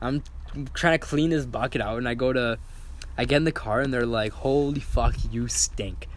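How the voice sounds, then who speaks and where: A man's voice: mid-range voice, moderate pace, a little hiss or hum. A young man telling a story in casual chat, acting out quotes and swearing freely. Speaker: guest storyteller.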